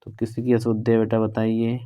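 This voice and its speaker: A male teacher from northern India going through exam questions in a brisk, conversational way, drawing out the key words. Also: fairly low pitch, completely flat delivery, dark tone, clean tone. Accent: Hindi, northern India.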